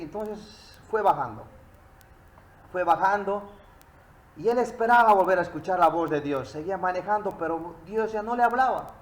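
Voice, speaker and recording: A man's voice: sits high, reverberant, poor audio. A man preaching a sermon, addressing his listeners and telling them a story.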